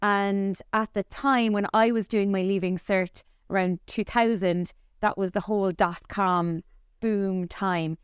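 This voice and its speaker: Speaking a little slowly in a smooth, steady, medium-pitched voice, a Cork-accented woman from Ireland in her forties chats openly about her career. She's a company founder appearing as a podcast guest in a conversational interview, captured in studio quality with no echo.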